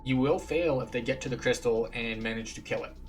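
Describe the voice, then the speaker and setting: Over game music, a man with a brisk, mid-range voice explains gameplay the way a tour guide would. He's a game streamer, and his commentary stays casual and matter-of-fact.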